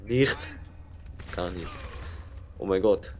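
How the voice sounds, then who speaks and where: Guy chatting along on a let's play, lowish voice, bit of noisy game sound behind him. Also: slow, darkish tone. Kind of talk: casual chat, game commentary. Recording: clear background noise, game ambience.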